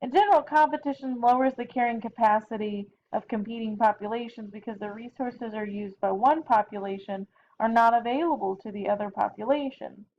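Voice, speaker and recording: This woman speaks a little high and a little fast, a weary biology teacher yawning through a chatty lecture she recorded at home. She corrects herself and drops in offhand asides, and the lo-fi audio sounds dull, with a faint hiss.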